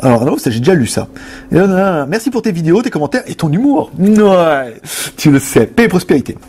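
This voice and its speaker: Husky-voiced joking male host. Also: on the high side, big pitch swings, fairly quick, darkish tone. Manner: joking, loose and rambling. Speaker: host answering viewer questions. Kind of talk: casual chat.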